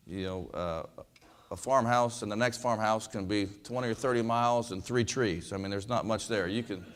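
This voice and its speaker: A man from western Kansas, a basketball coach, giving a folksy storytelling speech with lots of fillers and repeated words. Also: lowish voice. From western Kansas, USA.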